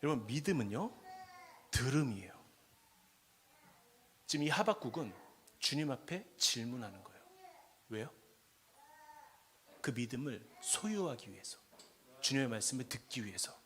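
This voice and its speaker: A man preaching a sermon at a prayer meeting, asking the congregation questions and swinging between quiet asides and loud, impassioned cries. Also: mid-range voice, animated, normal speed, long pauses, slight background noise.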